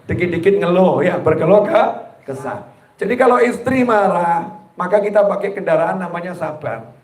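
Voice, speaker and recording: A man preaching to a live crowd in a roomy, echoing hall. His voice sits a little high for a man, and he keeps it light and jokey, speaking right at his listeners. He often splits a word across a pause before finishing it. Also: lively intonation, darkish tone. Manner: jokey, addresses the audience directly, acts out quoted people; breaks words across pauses, then finishes them. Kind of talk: humorous religious sermon to a live audience. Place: gathering hall with a live audience.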